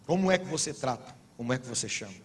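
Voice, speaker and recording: A middle-aged Brazilian pastor preaching a sermon to couples, telling humorous stories and building to emphatic exhortation. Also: male voice, mid-range voice, animated, fast talker. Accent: Brazilian Portuguese.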